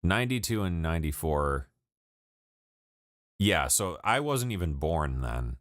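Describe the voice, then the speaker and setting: With a deep, very animated voice and a measured pace, a music producer in his late twenties talks casually with viewers during a live stream. He rambles, curses freely, and laughs often, all captured in studio quality without echo.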